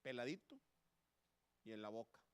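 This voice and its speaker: A man's voice: mid-range voice, expressive, moderate pace, smooth, dry recording. A man with a Mexican Spanish accent preaching a sermon in church, impassioned and repeating "hermano" again and again. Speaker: pastor. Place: church sanctuary.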